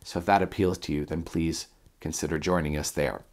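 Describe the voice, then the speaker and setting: A man with a blocked, stuffed-up nose, sick and mouth-breathing, talking through a self-help lesson as a coach in a deliberate, earnest way. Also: a bass voice, steady tone. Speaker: self-development coach and video presenter.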